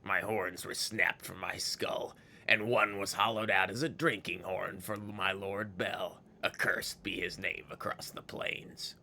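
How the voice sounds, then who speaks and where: An old exiled fiend from a fantasy game, low and gravelly with a sharp, forceful edge. He is scornful and scheming, theatrical like a ghoulish villain, savoring each word and spitting out his disgust. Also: fairly even intonation, unhurried, slight background noise, heavily acted. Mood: bitter. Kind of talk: dramatic video game character read-aloud.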